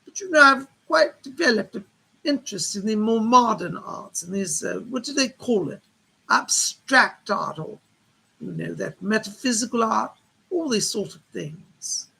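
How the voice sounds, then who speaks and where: A refined gentleman spirit guide acted by a man as a trance seance medium chats politely and reminisces. The voice is creaky and husky with a bright edge, full of old-world courtesy. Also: high-pitched, animated, measured pace, heavily acted, poor audio. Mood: genial, musing. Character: chatty cultured gentleman spirit guide, London art patron.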